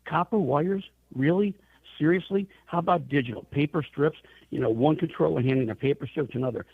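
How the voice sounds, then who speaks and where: Over a tinny, narrow phone line, an airline trade association chief executive speaks fairly quickly in a fairly high voice with vocal fry and slight roughness; the recording is dry. He's a radio interview guest offering advocacy answers, arguing emphatically and firing off pointed rhetorical questions.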